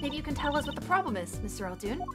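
A woman voicing a cheerful teenage girl magician, reading game dialogue in a bright, breezy way. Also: high-pitched, big pitch swings, rapid-fire, loud music behind the voice.

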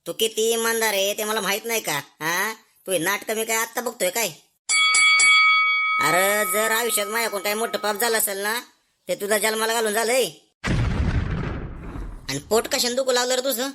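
A woman playing a village father who scolds and insults his lazy son in a comedy sketch. He uses rough rustic slang. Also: on the high side, fairly even intonation, normal speed, long pauses, background noise, lightly acted. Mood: scolding.

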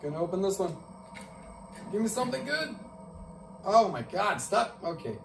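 A man's voice: sits high, very animated, normal speed. A man giving casual, scared commentary as he streams a horror game, jumpy and talking back to it. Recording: echoey room, distant mic, clear noise.

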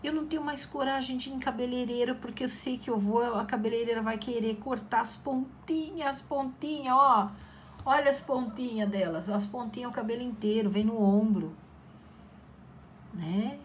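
A woman's voice: a little high, brisk, few pauses, darkish tone. A middle-aged woman chatting casually while she paints, giving encouraging talk and acting out quoted voices. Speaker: craft channel host. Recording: faint background noise.

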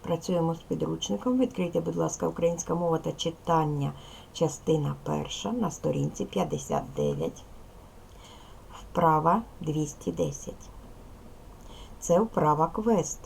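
A woman teaching a recorded lesson to young children, speaking slowly and carefully and addressing them directly as a primary school teacher. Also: low voice, sing-song, gravelly, a little mellow, a little hiss or hum, low-quality recording.

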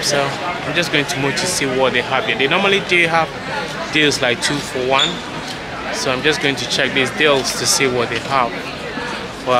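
A man walking through an airport duty-free shop, chatting casually to his viewers with lots of fillers, filmed on a handheld camera. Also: mid-range voice. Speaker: travel vlogger. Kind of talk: casual walking-tour vlog. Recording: loud crowd noise around. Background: busy crowd.

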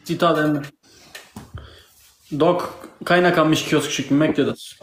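A man's voice: a little high, fairly even intonation, unhurried, echoey room. A young man arguing casually and insistently in slang, often repeating words, on a live phone stream. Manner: insistent, repetitive slangy talk. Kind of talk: casual group banter. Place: indoor room. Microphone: phone at arm's length.

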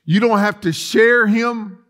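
This pastor, a middle-aged man, takes his sermon slowly in a high-pitched, slightly bright voice. He preaches emphatically, repeating points and asking rhetorical questions, in a sanctuary filled with empty chairs.

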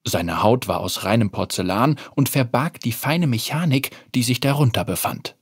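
A narrator reading a fantasy short story aloud in an expressive, scripted storytelling manner. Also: medium pitch, normal speed, husky, no echo, clean studio sound.

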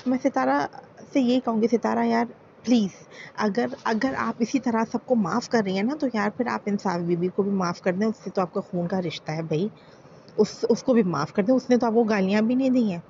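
A woman with a fairly high, mellow voice and some vocal fry speaks at a moderate pace, reacting on her YouTube channel with heated, opinionated commentary. She's impassioned and pleading, packing in rhetorical questions. The recording has its highs cut off and a little background noise.

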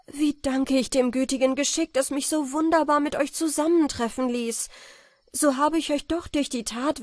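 A woman's voice: medium pitch, warm tone, dry recording, lightly acted. Woman doing a young male storybook apprentice, earnest, polite, noble-minded, dry close sound.

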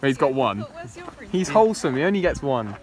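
A man's voice: mid-range voice, very animated, a little fast. A young man chatting casually and playfully for a vlog, recorded on a handheld phone. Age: young adult. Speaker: vlogger. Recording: noisy handheld outdoor and indoor recording.

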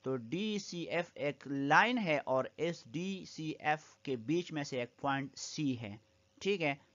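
A man's voice: a little high, expressive, slow, a bit bright. Methodical male maths teacher, Pakistani accent. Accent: Pakistani Urdu. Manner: methodical, repeats each step in two languages. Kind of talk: step-by-step maths lesson. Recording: dull lo-fi recording.

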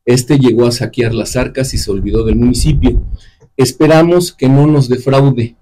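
Mellow Mexican male co-host reading. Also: medium pitch, fairly even intonation, moderate pace, low-quality recording. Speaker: radio co-host. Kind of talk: reading listener messages.

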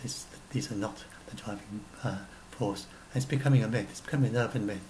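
Recorded by webcam at his home desk in a small room, a man in his sixties who blogs about science muses through his notes solo, rambling and repeatedly correcting himself. His mid-range voice is slightly mellow, the audio poor with slight background noise.

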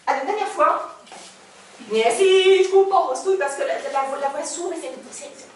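A woman's voice: high voice, moderate pace, slight background noise. A woman vocal coach teaching a masterclass, coaxing her student along. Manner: coaxing, sings phrases to demonstrate. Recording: very echoey room, distant mic, piano.

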